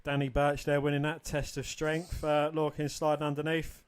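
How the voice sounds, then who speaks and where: A man with a slightly high voice calls each wrestling move in steady play-by-play. He describes the action plainly and keeps his delivery even. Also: moderate pace, clean tone. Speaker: podcast co-host. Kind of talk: wrestling commentary.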